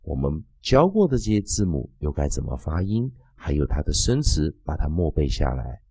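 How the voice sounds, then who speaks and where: A man teaching English phonics and drilling each sound slowly over and over. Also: a bass voice, big pitch swings, vocal fry, warm tone, breathy edge, dry recording. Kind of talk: phonics lesson.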